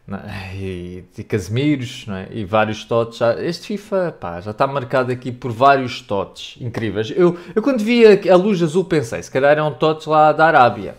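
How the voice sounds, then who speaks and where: Young man, European Portuguese accent, casual gaming commentary, chatty, excitable, medium pitch. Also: moderate pace, hardly any pauses. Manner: animated, shouts and laughs over big pulls, chatty asides to chat. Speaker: gaming youtuber. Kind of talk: excited pack-opening commentary.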